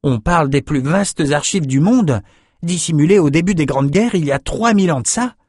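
A man's voice: on the high side, expressive, moderate pace, darkish tone, breathy edge, no echo, studio quality, pitched above the performer's own voice. A man doing a young, eager swordsman. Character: young male swordsman, earnest and boastful.

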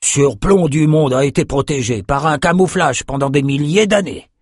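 Man reading as a distrustful country shepherd, raised pitch, louder, dry storybook read. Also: normal speed, husky, dry recording. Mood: wary. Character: wary red-faced shepherd, suspicious of outsiders.

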